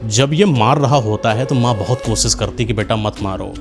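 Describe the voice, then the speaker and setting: A man's voice: mid-range voice, normal speed, music in the background. A man narrating a horror story dramatically, with an intense delivery and words repeated for suspense.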